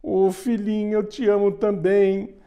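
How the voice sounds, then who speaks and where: A man voicing a doting old king speaking tenderly to his daughter in a high falsetto. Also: little pitch movement, measured pace, dark tone, clean tone.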